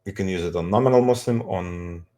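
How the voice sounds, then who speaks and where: A middle-aged man with an Azerbaijani accent introducing himself conversationally, speaking haltingly in non-native English phrasing. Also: sits low, dark tone. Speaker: street evangelist, co-presenter.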